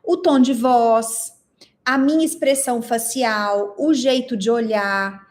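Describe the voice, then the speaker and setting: A woman with a Brazilian Portuguese accent teaching an online class, expressive and asking her audience lots of questions while reading their chat replies. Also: fairly high pitch, slow. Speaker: instructor.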